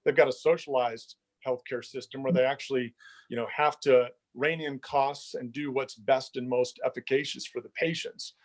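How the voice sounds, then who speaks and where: A man's voice: medium pitch, steady tone, normal speed. Matter-of-fact middle-aged male chiropractor. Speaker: chiropractor, guest. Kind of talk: casual interview chat.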